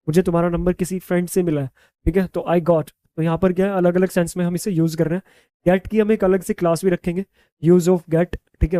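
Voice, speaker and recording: High-voiced Indian man teaching English. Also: warm tone, clear, resonant tone, no echo. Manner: repeats "ठीक है?" after nearly every point; spells words letter by letter, slows for example sentences. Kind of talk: bilingual classroom lesson.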